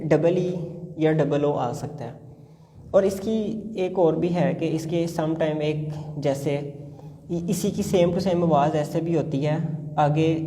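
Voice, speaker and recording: A man teaching English spelling sounds in a phonics lesson, slowly drawing out each word. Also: fairly high pitch, warm tone, big-room sound. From Punjab, Pakistan. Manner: slow drawn-out sounding of words.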